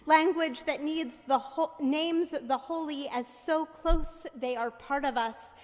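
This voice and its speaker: A high-voiced woman preacher gives a sermon at the pulpit microphone of a church sanctuary, calm and conversational, often checking with the congregation by asking "right?" The sound carries the long reverb of a church hall.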